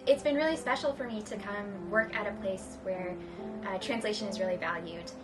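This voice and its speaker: A woman's voice: medium pitch, normal speed. Woman, earnest statement, distant mic, heavy music bed. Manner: earnest, with fillers. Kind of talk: prepared personal statement.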